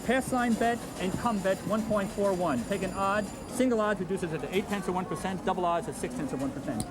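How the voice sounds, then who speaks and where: Fairly quick and high-voiced, a man patiently runs through craps odds in a teaching video, checking in with "okay?" as he goes. It plays from an old, worn VHS copy with music beneath him.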